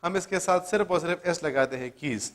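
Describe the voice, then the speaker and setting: A man teaching an English spelling lesson, asking the class questions and answering them himself, spelling words out letter by letter. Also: fairly high pitch.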